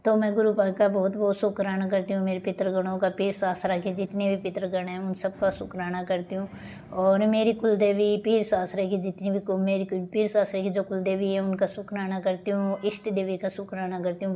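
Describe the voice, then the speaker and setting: A woman's voice: medium pitch, level tone, brisk, warm tone, slight background noise. A middle-aged woman giving an earnest devotional testimony and spoken prayer, pleading and repeating her address to the guru.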